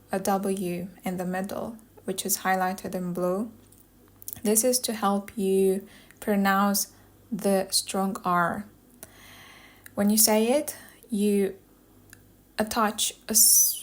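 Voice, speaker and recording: A woman teaching pronunciation, speaking slowly and deliberately and repeating drill words over and over. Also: mid-range voice, poor audio. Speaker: pronunciation coach.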